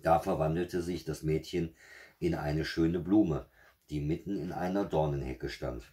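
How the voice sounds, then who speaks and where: A man with a husky voice reading a fairy tale aloud in a steady, measured way. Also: very deep voice. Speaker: storyteller.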